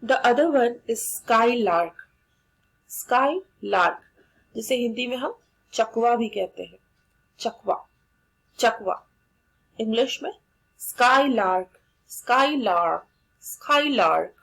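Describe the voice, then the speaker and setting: A woman's voice: fairly high pitch, animated, very slow, creaky, long pauses, slightly rough, rough recording. A woman with an Indian accent teaching English vocabulary, repeating each word and spelling it out letter by letter while mixing Hindi and English. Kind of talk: vocabulary lesson.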